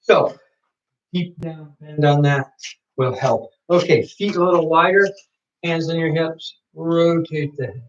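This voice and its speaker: A man instructing a morning kettlebell workout, calmly explaining stretches and cueing moves. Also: fairly high pitch, unhurried, distant mic. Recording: dull lo-fi sound.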